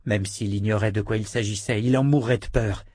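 A man's voice: fairly even intonation, fairly quick, a little mellow, dry recording, clean studio sound. A man narrating an audiobook, reading every part himself and lifting his voice for the women. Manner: reads all parts, lifting pitch for the women's lines.

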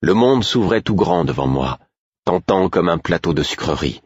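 A man narrating an audiobook in the first person, calm and measured. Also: low voice, breathy edge, dry recording, highs cut off.

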